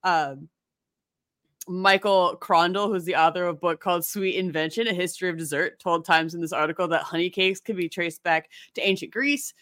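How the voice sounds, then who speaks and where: Woman co-host, casual rambling research chat, laughs a lot, crisp dry close mic. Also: on the low side, moderate pace, a bit bright, no room sound. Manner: giggly, rambling, self-deprecating. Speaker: podcast co-host presenting research.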